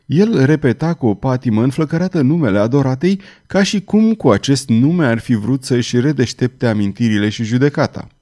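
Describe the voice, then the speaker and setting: A man narrating a novel as an audiobook in a steady, measured storytelling voice. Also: mid-range voice.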